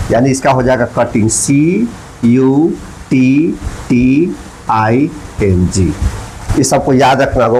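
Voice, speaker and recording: A man's voice: on the high side, a little mellow, a little hiss or hum, poor audio. A man teaching English verb forms, spelling words out letter by letter. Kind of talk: spelled-out grammar lesson.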